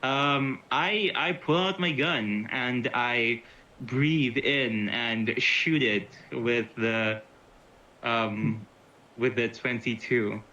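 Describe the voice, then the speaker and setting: Heard through a dull lo-fi mic, a tabletop game player speaks very slowly in a mid-range voice that sounds pushed and bright. He's casual and halting, frequently starting over and cursing.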